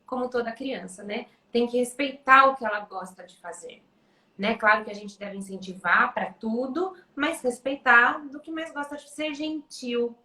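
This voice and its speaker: A woman with a Brazilian accent and a fairly high voice talks in a gentle, explanatory way, often checking in with "né?". Her voice rings in an echoey room. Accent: Brazilian Portuguese. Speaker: music educator host. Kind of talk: casual conversation.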